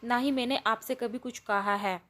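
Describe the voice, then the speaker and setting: A woman storyteller plays an older mother-in-law in a spoken story, speaking softly and pleadingly in a fairly high voice. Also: fairly even intonation, moderate pace, lightly acted. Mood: gentle.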